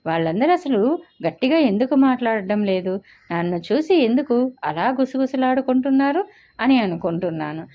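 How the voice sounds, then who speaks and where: A woman narrates a dramatic novel in the first person, pouring emotion into the heroine's words. Her voice sits at an ordinary middle pitch. The recording is a little muffled and lo-fi. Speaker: storyteller. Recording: slightly dull lo-fi audio.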